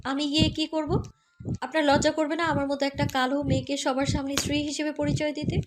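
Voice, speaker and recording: A woman's voice: high voice, level tone, brisk, natural voice. A woman playing a sad young wife who speaks in a restrained, strained way in an audio story. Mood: reluctant. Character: young wife, sad but trying to sound firm. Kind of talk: Bengali audio story acting.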